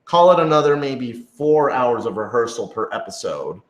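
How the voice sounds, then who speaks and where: He's the writer and audio editor of an audio drama, speaking at normal speed in a medium-pitched, animated voice. In a casual Q&A chat he explains things in a rambling way packed with filler words, recorded in a roomy, echoey space.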